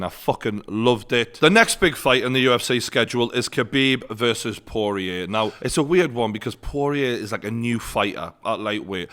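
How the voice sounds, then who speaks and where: A sports commentator and online host from northeast England, speaking with a Newcastle Geordie accent in a medium-pitched, slightly bright voice, gives viewers a casual fight recap. He's blunt and opinionated and swears freely.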